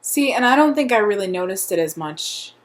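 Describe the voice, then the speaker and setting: A woman's voice: mid-range voice, expressive, fairly quick. A young woman co-hosting a book review, talking casually and hesitantly and often laughing at herself. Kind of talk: casual chat.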